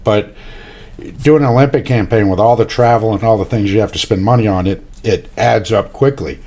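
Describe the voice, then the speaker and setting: A middle-aged man, hosting an interview over a video call and wearing a headset, speaking in a relaxed, rambling way. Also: fairly low pitch, brisk. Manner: relaxed, rambling, many uhs. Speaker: podcast host. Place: home room, indoors.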